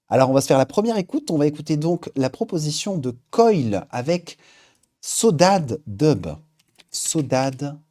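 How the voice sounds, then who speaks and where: A man hosting a live stream in a casual, chatty way, reading out viewer names and filling pauses with frequent hesitations. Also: medium pitch, mellow, husky. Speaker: livestream host. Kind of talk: casual livestream chat.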